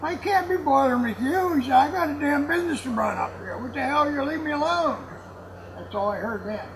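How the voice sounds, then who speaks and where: Crowd noise surrounds a man in his seventies whose voice is extremely high-pitched and brisk. He laughs through rambling, casual anecdotes in a folksy, salty manner, indoors in a block-walled warehouse with clearly noisy room ambience.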